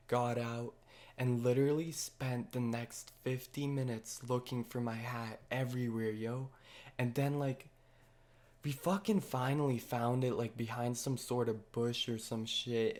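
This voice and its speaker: A man's voice: medium pitch, darkish tone. A young man casually telling a story to his viewers, with heavy slang and constant swearing. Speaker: vlogger.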